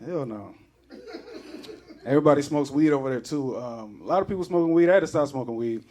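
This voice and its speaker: A man's voice: medium pitch, a little fast, mellow. A man doing a loose, rambling stand-up comedy set on a club stage, acting out other people's voices. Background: audience laughter.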